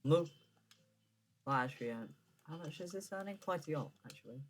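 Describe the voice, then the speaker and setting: A young man talks through a game he is playing, in a voice pitched a little high. His commentary is casual and rambling, full of ums, restarts and quick self-corrections as he thinks out loud. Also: animated, a little hiss or hum. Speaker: gaming YouTuber.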